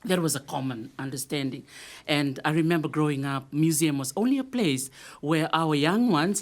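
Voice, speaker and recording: A woman, a museum studies scholar telling her story on a panel over a video call, soft-spoken with frequent pauses. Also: deep voice. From Fiji. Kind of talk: conversational panel talk.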